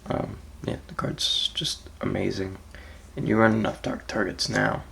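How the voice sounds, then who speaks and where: A man with a low, gravelly, raspy voice, sounding freshly out of bed, casually walks through his card game deck. He's laid-back and hesitant, filling gaps with frequent ums and letting his phrases fade off softly.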